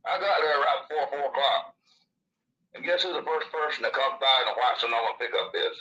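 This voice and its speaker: A man's voice: mid-range voice, fairly quick, bright, forceful tone, muffled recording. A man with a lisp from missing upper teeth, telling his story in a casual, rambling way. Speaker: interviewee recounting his own experience.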